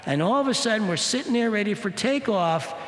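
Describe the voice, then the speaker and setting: Minister guy telling a story, kinda high voice, big echoey hall. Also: brisk. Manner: storytelling, animated, acts out quoted voices. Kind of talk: spiritual talk with personal story. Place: church hall.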